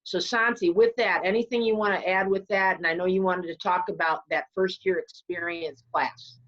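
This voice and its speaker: A woman hosts a virtual session for an athletics program, speaking confidently and persuasively. Her voice sits fairly low for a woman. The call audio is muffled and lo-fi. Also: fairly even intonation, normal speed, fairly bright tone. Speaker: athletics staff host. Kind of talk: virtual info session presenting. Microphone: video call. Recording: dull lo-fi video call audio.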